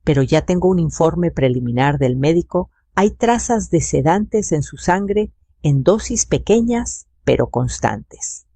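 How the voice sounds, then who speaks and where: An older woman voicing a calm, formal female health investigator who speaks in measured, procedural terms. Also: low-pitched, slightly rough, no room sound, full character voice.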